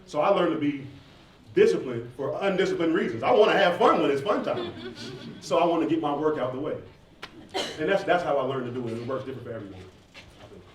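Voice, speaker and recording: A man in his thirties, a rapper and stage performer, fields audience questions from students, talking informally and emphatically and repeating phrases as he goes. His voice is a little high, very animated and a little fast. The recording comes from a roomy indoor campus event space, with an echoey room, a distant mic and faint noise.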